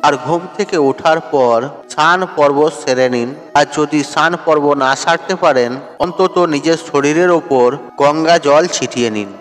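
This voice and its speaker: A man hosting a devotional tips channel, giving measured, scripted instructions for a ritual and chanting mantras slowly. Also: a little high. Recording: long reverb with faint music.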